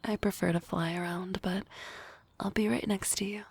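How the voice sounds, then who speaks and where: A woman voices a lively young female harpy classmate for an ASMR roleplay, mostly soft-spoken and frequently whispering with a teasing air. She talks at a normal speed in a mid-range, creaky, slightly rough voice, and the mood is playful.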